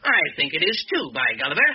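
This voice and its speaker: An actor playing a cocky young newspaper reporter who talks boldly and boastfully, in 1940s radio acting. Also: male voice, a little high, wildly swooping pitch, slightly rough, exaggerated voice. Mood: brash. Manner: quick, bold, boastful. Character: brash young male reporter, cocky and talkative. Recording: dull old radio broadcast.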